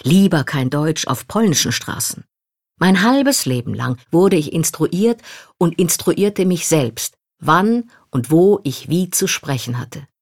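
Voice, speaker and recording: A woman reading a first-person memoir aloud in a calm, reflective manner. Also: sits low, takes it slowly, dry recording, clean studio sound. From Poland. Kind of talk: scripted literary narration.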